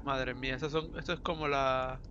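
A man's voice: mid-range voice, fairly even intonation, fairly quick, dull audio, over music. A man from with a sore throat, chatting casually through a let's play and reading the game's text aloud. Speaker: gaming YouTuber.

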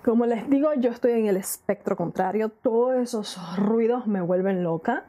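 Chatty married woman with a mellow voice. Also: medium pitch, moderate pace. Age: adult, married. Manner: chatty and questioning, laughs often. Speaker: YouTube vlogger. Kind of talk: casual chat to camera.

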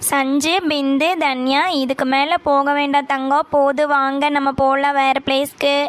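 A very high, fretful mother's voice played by a woman with a Coimbatore Tamil accent. She calls out to the children in a flat, narrow tone, with little rise and fall. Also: moderate pace, dry recording. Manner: fretful, calling out. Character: anxious mother and aunt. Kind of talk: cartoon voice acting.

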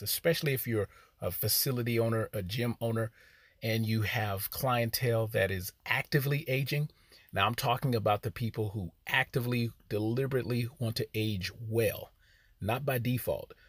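A middle-aged man, a fitness trainer and equipment dealer, giving an earnest, persuasive sales pitch straight to camera from a small home office. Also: slightly rough. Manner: earnest, persuasive, emphatic on key words.

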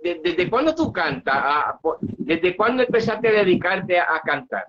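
An older man with a Puerto Rican accent hosting a casual interview over a video call, chatty and quick to laugh. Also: sits high, big pitch swings, slight background noise. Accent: Puerto Rican Spanish. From Puerto Rico. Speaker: show host. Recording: muffled video-call audio.

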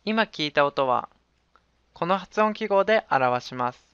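A woman giving calm, scripted narration for a pronunciation lesson. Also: lowish voice, a little slow, clear, resonant tone, no room sound. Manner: calm, instructive. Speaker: pronunciation teacher. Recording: dull, dry studio voice-over.

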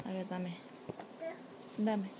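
A woman's voice: mid-range voice, flat delivery, drawn-out words, heavy background noise. A young woman, a mother, coaxing her toddler in playful, sing-song baby talk in a home video at home.

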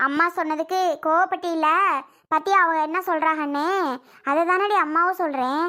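This is a mother who lectures and insists, as the performer voices her. She talks in a high, bright voice, coaxing her child and then scolding her, like an anxious mom in a family drama. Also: steady tone, a little fast. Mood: lecturing. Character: scolding, worried mother giving advice.

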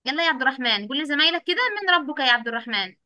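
This young teacher, speaking with an Egyptian Arabic accent, runs an online class for small children, repeating questions and praising each response to coax them along. Her high voice is expressive, bright and forceful, and she speaks very fast. No room sound is audible.

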